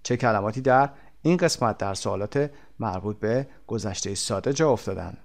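Male English teacher, textbook lesson, slow deliberate drills with brisk asides. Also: fairly low pitch, vocal fry. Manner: slow, deliberate drilling of words, then quick explanations. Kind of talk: textbook lesson, reading verb forms aloud.

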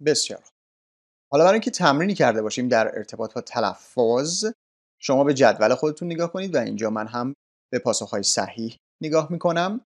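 A man's voice: medium pitch, expressive. A man with a Persian accent teaching English, explaining grammar patiently and politely. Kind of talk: language lesson explanation.

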